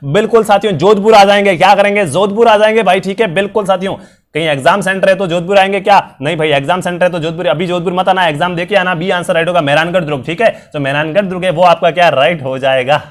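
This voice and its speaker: Man, high voice, strained worn voice, upbeat repetitive quizzing, live online class. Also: steady tone, fast talker. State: strained, worn voice from illness and long talking. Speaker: online exam-prep teacher.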